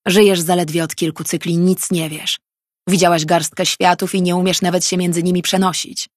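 A woman's voice: lowish voice, flat delivery, normal speed, no room sound, clean studio sound, close to an everyday voice. A woman doing a stern, domineering male mage. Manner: sharp, scolding.

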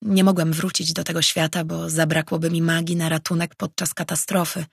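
An earnest, measured male mage, as an audiobook narrator reads him. The voice is heavily gravelly and husky, with a dry, close sound. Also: mid-range voice, flat delivery, no echo. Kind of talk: audiobook character reading.

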